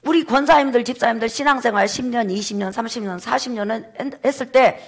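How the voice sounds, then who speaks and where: A man's voice: extremely high pitch, fast talker. A male pastor preaching a sermon in a church, acting out the voices of the people he quotes.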